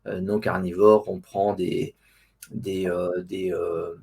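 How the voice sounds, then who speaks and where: A man with a low, gravelly voice chats as an interview guest. He is casual and hesitant, often circling and repeating words as he looks for the right one. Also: little pitch movement, slow pace, darkish tone. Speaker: interview guest, online diet group administrator. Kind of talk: casual conversational interview answers.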